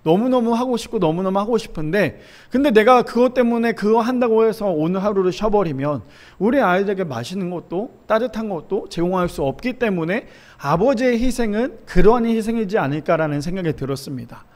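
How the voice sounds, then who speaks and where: A man's voice: sits high, lively intonation, fairly quick. A man in his thirties, a pastor preaching a sermon, telling stories about his children and asking the congregation questions. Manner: warm storytelling with rhetorical questions to the congregation.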